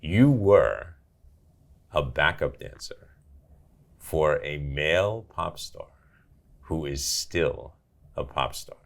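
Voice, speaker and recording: A man's voice: rumbling low, lively intonation, slow, gravelly, long pauses. An older man hosting an interview, asking questions and reacting with enthusiastic exclamations. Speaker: podcast host. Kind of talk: interview conversation.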